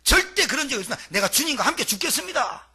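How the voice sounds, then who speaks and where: A male pastor acting out Peter the apostle, a panicked man protesting loudly during his sermon. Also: very high voice, sing-song, rapid-fire, breathy edge, voice pushed up, full character voice. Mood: pleading vow.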